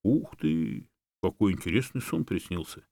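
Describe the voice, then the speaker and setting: A man narrating a fable in an expressive storybook reading. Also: low voice, measured pace, creaky, no echo.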